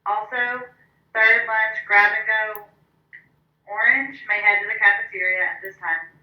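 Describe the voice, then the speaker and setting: A woman makes formal announcements over a school intercom, repeating each instruction. Her voice comes from a loudspeaker across the room, dull and echoing. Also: medium pitch, fairly even intonation, a little slow. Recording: dull, roomy loudspeaker heard from far.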